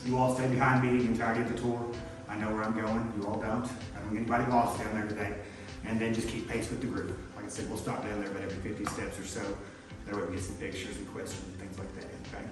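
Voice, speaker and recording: A man's voice: fairly low pitch, little pitch movement, quick pace. A man working as a tour guide, giving a folksy, instructional safety briefing to a group, often checking in with "okay?". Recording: very echoey, distant voice under music.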